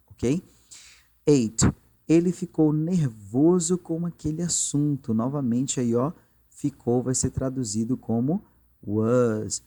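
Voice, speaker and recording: A man teaching English grammar, patiently explaining exercises and repeating example sentences slowly. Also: medium pitch, mellow.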